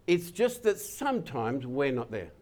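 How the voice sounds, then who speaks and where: An older man, a pastor, giving a gentle and plain-spoken communion sermon, often dropping to a soft, intimate tone. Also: mid-range voice, big pitch swings. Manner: slow, gentle, intimate preaching with soft drops.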